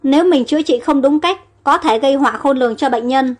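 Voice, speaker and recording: A woman reading a story aloud in a steady, even storytelling manner. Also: high voice, fairly quick, soft background music. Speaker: audiobook narrator. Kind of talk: scripted story narration.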